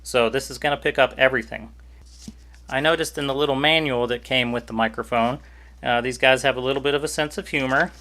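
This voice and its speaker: Chatty, bright-voiced man reviewing gear. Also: medium pitch, steady tone, fairly quick. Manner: chatty, easygoing, jokey asides. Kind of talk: casual product review vlog. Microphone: cheap USB desk microphone.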